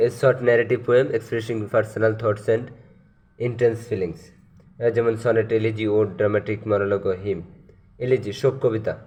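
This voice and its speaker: A Bangladeshi-accented man gives a lesson, reading out terms and explaining each in turn. He talks very slowly in a darkish, mellow, fairly low voice. He moves between English and Bengali and pauses on long fillers. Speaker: teacher.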